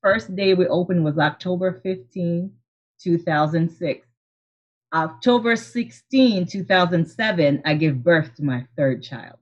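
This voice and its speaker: In a muffled recording, a woman with a lowish, unhurried voice tells her story over a video call. She is a Haitian optometrist in her forties who owns a practice, appearing as a guest in a casual interview, earnest and reflective with many restarts and soft laughs.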